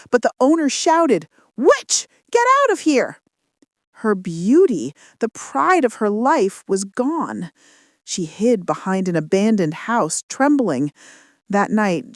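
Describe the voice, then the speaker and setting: A woman narrates a folktale slowly and dramatically, her pitch rising and falling widely. The delivery is scripted storytelling with strong emotion in the words. It is recorded close and dry, with no room sound. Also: a little mellow, no room sound.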